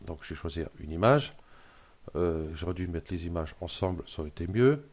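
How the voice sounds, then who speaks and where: A middle-aged man with a frog in his throat, hesitantly talking through a software tutorial with many fillers. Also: low voice, lively intonation, brisk. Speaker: tutorial presenter. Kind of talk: screen-recorded software tutorial.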